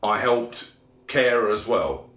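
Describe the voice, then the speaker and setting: A man's voice: medium pitch, lively intonation, takes it slowly, fairly bright tone. A middle-aged British man giving a blunt, sweary opinion monologue in a grumpy old man's grumbling manner. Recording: echoey room.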